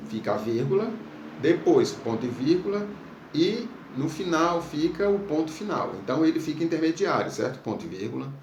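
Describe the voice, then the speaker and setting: A man's voice: on the high side, very animated, brisk, darkish tone. A man from Brazil teaching a recorded school lesson, patiently checking in with his pupils. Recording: echoey room, faint background noise.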